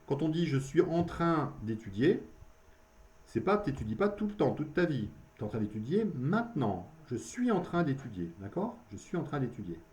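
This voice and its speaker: Man teaching Spanish, lively patient explainer. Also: medium pitch. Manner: explains in French, models Spanish slowly, checks with "ok?". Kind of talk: beginner grammar lesson.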